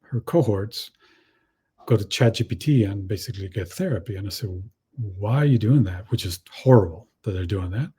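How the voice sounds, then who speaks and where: A man who grew up in Chile, speaking as a panel guest in a halting way, with many restarts and fillers. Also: lowish voice, lively intonation, mellow, husky. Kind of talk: panel discussion.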